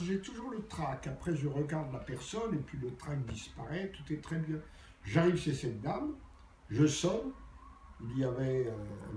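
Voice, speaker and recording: Acting out the dialogue in his stories, an older journalist recounts anecdotes from his career with theatrical flair. His fairly high voice sounds mellow, recorded from a distance in a roomy space with faint background noise.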